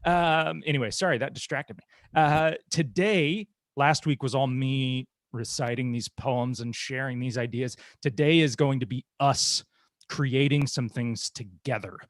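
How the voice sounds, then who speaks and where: A man's voice: mid-range voice, no echo, clean studio sound. A man guiding an online poetry workshop in a chatty, self-deprecating way, full of fillers and restarts, speaking into a computer mic. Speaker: guest presenter, poetry teacher. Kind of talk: casual online workshop talk.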